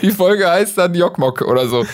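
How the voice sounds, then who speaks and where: A man's voice: high-pitched, expressive, normal speed, dry recording. Laughing, joking young man with a dry sound. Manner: laughing often, joking, sarcastic. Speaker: podcast co-host. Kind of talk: casual chat.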